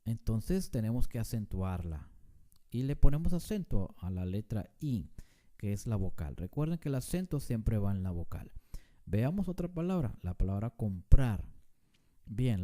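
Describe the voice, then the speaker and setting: A man teaching a grammar lesson, speaking slowly and deliberately and stressing syllables to demonstrate them. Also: on the low side, sing-song, dark tone.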